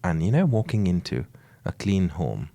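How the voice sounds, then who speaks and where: A man's voice: low voice, sing-song, normal speed, creaky, dark tone, dry recording. A man from Sri Lanka, a podcast guest, chatting in an easygoing way with short agreeing replies. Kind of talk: casual podcast chat.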